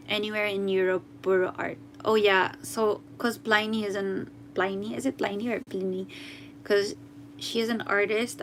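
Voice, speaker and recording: A young Filipino woman with a Filipino accent, chatting casually on a livestream, reading out comments and mixing in Tagalog, often halting to correct herself. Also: mid-range voice, slight background noise. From Philippines. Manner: chatty, switches between English and Tagalog, often halting and unsure. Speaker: musician hosting a livestream.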